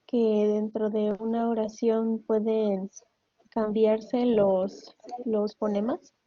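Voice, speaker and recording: Joven mexicana, respuesta vacilante en clase en línea, voz opaca y monótona. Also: female voice, medium pitch, flat delivery, slow pace, dry recording, highs cut off. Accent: Mexican Spanish. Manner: hesitant, searching for words. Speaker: university student. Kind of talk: answering in online class. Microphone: video call audio.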